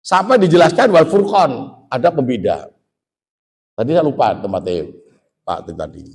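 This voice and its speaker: Joking Javanese preacher in an echoey hall. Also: male voice, medium pitch, big pitch swings, moderate pace, darkish tone. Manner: folksy, joking, addresses audience as Pak and Bu. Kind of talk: sermon.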